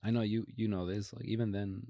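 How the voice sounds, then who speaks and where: A man's voice: fairly low pitch, little pitch movement, brisk, creaky, mellow, no room sound. A man hosting a podcast interview, asking follow-up questions and encouraging his guest with short replies and laughs. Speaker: podcast host. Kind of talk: casual interview.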